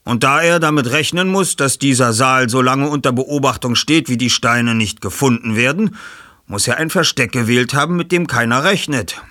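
Ein Mann liest ein Hörbuch und spricht einen jungen Detektiv mit Brille, der Sachverhalte nüchtern erklärt. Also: male voice, medium pitch, normal speed, pushed and bright, no echo, clean studio sound, pitched above the performer's own voice, lightly acted. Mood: explaining. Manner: explaining, reasoning. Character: bespectacled young male detective, analytical.

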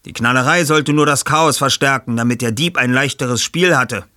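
Ein Mann liest ein Hörbuch und spricht einen jungen Detektiv mit Brille, der Sachverhalte nüchtern erklärt. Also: male voice, medium pitch, normal speed, pushed and bright, no room sound, studio quality, voice pushed up, natural voice. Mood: explaining. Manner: explaining, reasoning. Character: bespectacled young male detective, analytical.

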